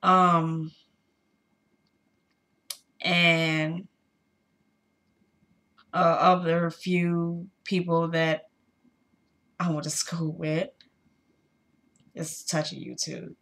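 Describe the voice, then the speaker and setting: A woman in her thirties talks to her viewers in a personal, confessional vlog. She speaks slowly in a low, bright, pointed voice, pausing often and filling gaps with little hesitations. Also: level tone. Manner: halting, with many pauses and fillers; candid, addressing viewers directly. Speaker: vlogger.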